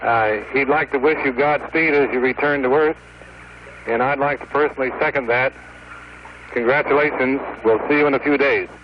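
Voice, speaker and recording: A man, a mission control official, sending a halting formal message over a crackly space radio link, with frequent pauses. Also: medium pitch, fairly even intonation. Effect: crackly space radio transmission. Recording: muffled noisy radio link.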